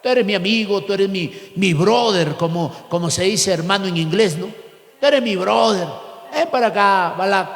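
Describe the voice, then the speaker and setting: A preacher acting as the sly prophet Balaam, high and echoey. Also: male voice, moderate pace, fairly bright tone. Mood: sly chummy. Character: scheming prophet Balaam, sly middle-aged man. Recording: echoey hall with long reverb.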